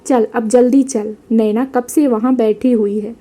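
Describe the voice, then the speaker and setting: A patient young husband who gently teases and corrects his wife in a storybook tale, voiced by a woman narrator. His lines come out fairly high and mellow. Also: steady tone, measured pace.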